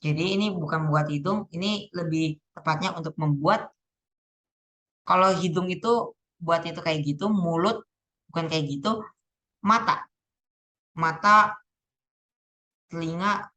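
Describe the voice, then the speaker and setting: A woman's voice: on the low side, a bit bright, poor audio. A teenage girl casually going over exam answers, thinking aloud and often correcting herself. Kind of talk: casual spoken exam walkthrough.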